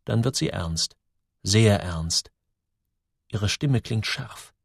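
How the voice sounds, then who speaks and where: Man narrating a story with lively pitch. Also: takes it slowly, vocal fry, dry recording, studio quality. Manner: lively, dramatic storytelling with sudden drops and rises. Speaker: audiobook narrator. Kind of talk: scripted narration.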